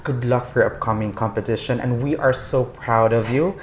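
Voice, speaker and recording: A woman's voice: a bass voice, fairly quick. A woman hosting an interview show in a conversational, effusive and complimentary way. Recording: roomy echo, faint background noise.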